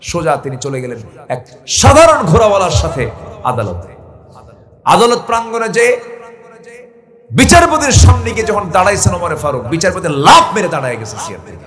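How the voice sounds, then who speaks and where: A man from Bangladesh preaching a waz sermon, calling out questions and shouting for the crowd to answer back. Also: high-pitched, big pitch swings, brisk, long pauses, in a large hall. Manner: call-and-response, shouting to the audience.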